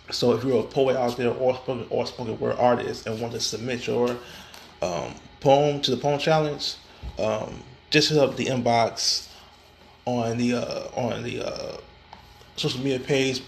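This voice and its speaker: A podcast host with a gravelly, mid-pitched voice speaks directly to his listeners in casual solo talk. He stalls often, stammering, repeating words, restarting and using lots of fillers. A faint hiss runs beneath the recording.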